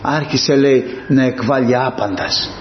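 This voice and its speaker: A male preacher giving an impassioned sermon, moving between hushed asides and high, emphatic peaks, in a church. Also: animated. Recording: dull, roomy and slightly noisy.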